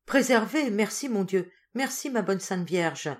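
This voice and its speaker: A woman's voice: mid-range voice, animated, normal speed, voice pushed up, natural voice. A woman reading an anxious young wife. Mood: relieved. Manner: emotional and pleading.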